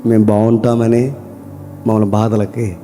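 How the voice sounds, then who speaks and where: A man preaching a sermon, asking rhetorical questions and calling on his listeners to answer, moving between loud emphatic lines and quiet low ones. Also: little pitch movement, normal speed, faint music behind. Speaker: pastor.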